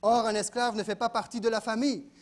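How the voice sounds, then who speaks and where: High-voiced preacher. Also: male voice, flat delivery, quick pace. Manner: emphatic, swings from quiet asides to loud exclaims. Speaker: pastor. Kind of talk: sermon. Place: church.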